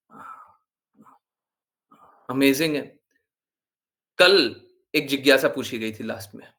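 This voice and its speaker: A man's voice: a little high, creaky, fairly bright tone. Earnest man giving a devotional talk. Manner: earnest, insistent, repeats phrases for emphasis; mixes English words into speech. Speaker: spiritual teacher.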